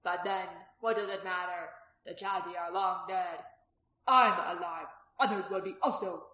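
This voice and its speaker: A woman's voice: fairly low pitch, steady tone, a little slow, pushed and bright. Woman doing a sly graying innkeeper. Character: sly prosperous graying male innkeeper, mocking. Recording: roomy echo.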